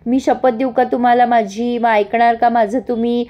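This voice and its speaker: A woman voicing a flattering young daughter-in-law who coaxes an old man in a TV serial recap. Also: on the high side, normal speed, lo-fi sound, close to an everyday voice. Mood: coaxing. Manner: coaxing, fawning.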